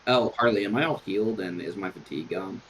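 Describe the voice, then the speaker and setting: A man playing in a tabletop game, describing his character haltingly with many fillers. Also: sits low, a little hiss or hum. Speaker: player. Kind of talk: tabletop role-play chat.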